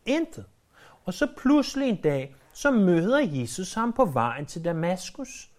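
A preacher delivering a sermon in a lively way, often hesitating and repeating words, and acting out quoted speech with sudden jumps in pitch. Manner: frequent hesitation fillers and word repeats.

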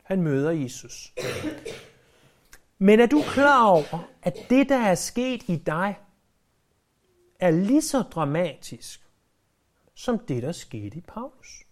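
A preacher delivering a sermon in a lively way, often hesitating and repeating words, and acting out quoted speech with sudden jumps in pitch. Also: pauses often. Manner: frequent hesitation fillers and word repeats.

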